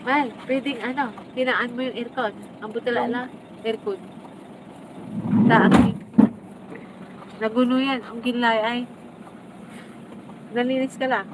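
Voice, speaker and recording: A woman's voice: a little high, steady tone, slow, long pauses, heavy background noise. A woman from the Philippines chatting casually on a livestream, mixing Tagalog and English and thanking viewers by name. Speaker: livestream host. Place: home with aircon running.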